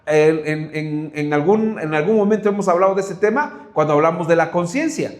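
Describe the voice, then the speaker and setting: A Mexican man with a Mexican Spanish accent preaches a Bible study sermon in a fairly high, expressive voice at a brisk pace. He presses his points by piling up rhetorical questions, his voice echoing around the room.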